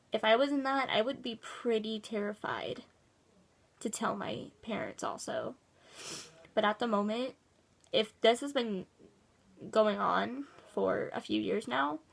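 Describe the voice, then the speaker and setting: A woman vlogger with a slightly high voice talks straight to a viewer. She is earnest and shaken, and she presses her advice again and again. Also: gravelly. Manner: earnest, emphatic and upset, repeating her points. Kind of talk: casual advice vlog.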